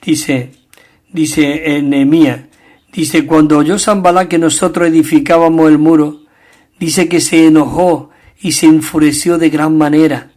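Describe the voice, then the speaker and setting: A man with a Spanish accent delivers a fervent sermon. His voice sits a little high, and he alternates between reading scripture and urging his listeners on. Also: steady tone, a little slow, darkish tone. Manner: fervent, calls out to the brethren, reads scripture aloud. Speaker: preacher.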